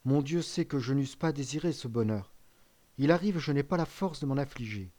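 A man's voice: mid-range voice, expressive, normal speed, a little mellow, lightly acted. A man reading an audiobook, voicing an eager, earnest young sailor devoted to his father. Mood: eager, warm. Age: 20s. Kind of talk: audiobook character voice.

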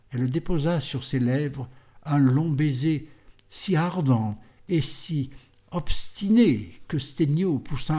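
A man narrating a literary audiobook in a measured, unhurried manner. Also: medium pitch, mellow.

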